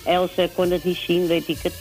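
Guy phoning into a radio show, high voice, rambles on, kinda far off on the phone line. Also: little pitch movement, a little fast, faint music behind. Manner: rambling, loses the thread, sends greetings. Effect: voice over a phone line. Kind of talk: casual chat on the phone with a radio host.

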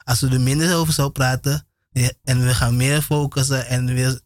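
A man's voice: medium pitch, steady tone, moderate pace, dry recording, clean studio sound. A man preaching an informal radio sermon, repeating phrases with many amens and short laughs.

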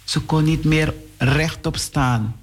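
A man preaching a sermon on the radio, whose voice jumps up in pitch and speeds up at times. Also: slow. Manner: preaching with sudden rises in pitch and pace. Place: radio studio.

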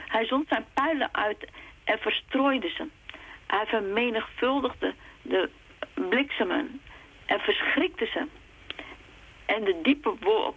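Slow, gravelly woman preaching. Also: medium pitch, fairly bright tone. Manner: slow, earnest, with restarts. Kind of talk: sermon with Bible reading. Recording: muffled, lo-fi with faint hiss.

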